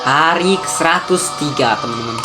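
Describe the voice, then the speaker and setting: A woman's voice: low voice, brisk, over loud music. Chatty woman gamer groaning to viewers. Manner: chatty, sighs and groans, addresses viewers as guys. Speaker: gaming host. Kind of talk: casual gameplay commentary.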